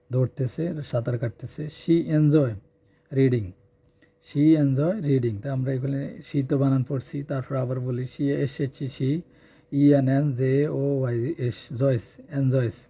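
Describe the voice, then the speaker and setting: A man teaching English in a reading lesson, spelling words letter by letter and repeating them slowly. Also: medium pitch, mellow.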